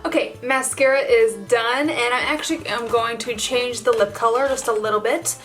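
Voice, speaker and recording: A woman's voice: a little high, steady tone, normal speed, fairly bright tone, soft background music. A woman vlogger talking casually to her viewers in a bubbly, gushing, informal way, as in a makeup tutorial. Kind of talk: casual chatty vlog tutorial addressed to viewers.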